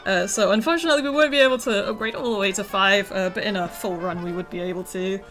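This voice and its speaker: A woman game developer with a scratchy, rough voice from feeling unwell, chatting casually through a livestream of her studio's game, with many ums and uhs. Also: medium pitch, fast talker, a bit bright, faint music behind. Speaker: game developer streaming a demo.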